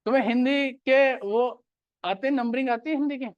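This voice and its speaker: A man's voice: very high voice, normal speed, no room sound, lo-fi sound. A male teacher giving a classroom grammar lecture, repeating key points and quizzing his students.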